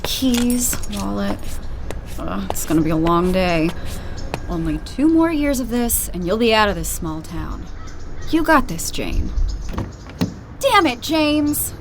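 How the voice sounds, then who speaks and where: An actress playing a hardworking teenage fast-food assistant manager, bossy but friendly, with quick exasperated sighs. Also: female voice, mid-range voice, big pitch swings, over music. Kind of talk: audio drama acting.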